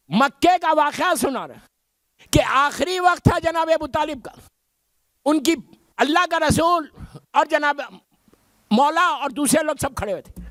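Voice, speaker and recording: Middle-aged man, cleric, very high voice, dry close sound, emphatic majlis sermon, rhetorical questions. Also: fairly bright tone, no echo.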